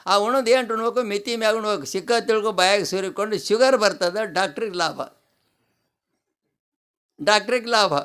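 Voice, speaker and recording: A man's voice: sits high, moderate pace, long pauses, a bit bright, clear, resonant tone. A man with a North Karnataka Kannada accent giving a devotional discourse, asking the audience rhetorical questions and repeating key phrases. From North Karnataka, India. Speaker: swami preaching a pravachana.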